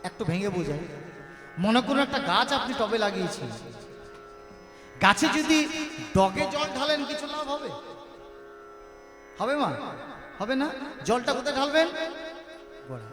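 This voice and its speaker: A man's voice: very high-pitched, expressive, unhurried, pauses often. A man preaching a devotional sermon between sung verses, asking his listeners rhetorical questions and calling out for responses. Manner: call-and-response with the audience. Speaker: kirtan singer and preacher. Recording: roomy echo with long reverb. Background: devotional music playing.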